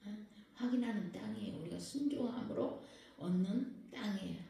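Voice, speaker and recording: A woman pastor delivers a sermon in a mellow, warm voice, often turning to her congregation with questions. She stands some way back from the mic, and the hall gives her voice a heavy, lingering echo. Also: medium pitch, normal speed, vocal fry. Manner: lively preaching that keeps questioning the congregation. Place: prayer house worship hall. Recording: very echoey hall, voice far from the mic.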